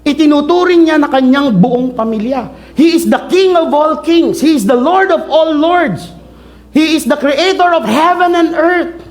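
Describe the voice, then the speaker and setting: A man's voice: very high-pitched, expressive, a little slow. A man with a Filipino accent, preaching a playful sermon, teasing and quizzing his congregation as he mixes in English phrases. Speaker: pastor.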